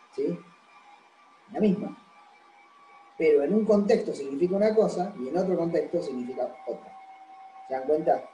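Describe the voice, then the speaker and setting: Mellow-voiced man lecturing in an echoey room. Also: a little high, slight background noise. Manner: explanatory, constantly checks understanding with "¿sí?". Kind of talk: university lecture.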